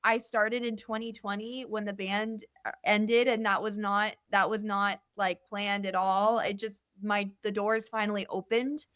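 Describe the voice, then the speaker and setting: A young woman with a smooth, clear voice talks openly as a podcast guest. Her speech is earnest and meandering, full of little fillers and restarts. The sound is dry and close, with no room echo. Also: medium pitch, little pitch movement, a little slow, a bit bright. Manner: candid and earnest, rambling with many fillers. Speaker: guest musician. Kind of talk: casual podcast interview. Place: indoor podcast studio.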